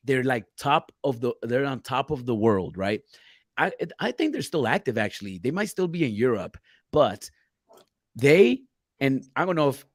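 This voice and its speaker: A man's voice: mid-range voice, no echo, clean studio sound. A man co-hosting a casual live-stream chat, talking loosely and bluntly with plenty of cursing and reading viewer questions aloud. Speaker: podcast co-host.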